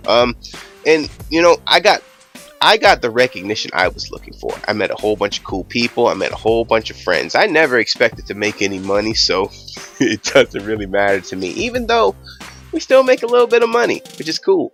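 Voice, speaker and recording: A man's voice: medium pitch, sing-song, fairly quick, a bit bright, soft background music. A young man hosting his own channel, ranting casually with rambling, swear-filled emphasis. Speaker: YouTube channel host.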